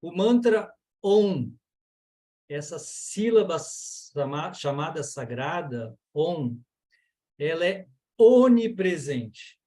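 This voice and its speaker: A man's voice: on the high side, warm tone. A Brazilian man teaching yoga and mantra in an online lecture, explaining earnestly with many fillers over a video call.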